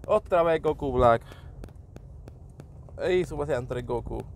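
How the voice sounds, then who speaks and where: A man's voice: medium pitch, slow, vocal fry, slight background noise. A man giving casual commentary on game summons, switching between Spanish and English and reacting to each pull. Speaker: gaming YouTuber.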